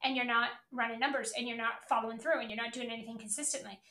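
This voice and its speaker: A woman's voice: on the high side, fairly even intonation, fast talker, sharp tone, echoey room. A woman giving a motivational business coaching talk in a blunt, emphatic, repetitive way, peppered with swearing.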